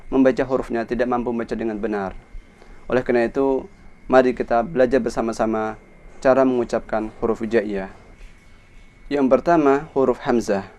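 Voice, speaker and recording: An Indonesian man leads a recitation lesson, pronouncing Arabic letters one at a time. He speaks slowly and deliberately, repeating each sound for practice. His voice sits in a plain middle pitch. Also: a little mellow. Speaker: Quran recitation teacher. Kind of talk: instructional lesson on letter pronunciation.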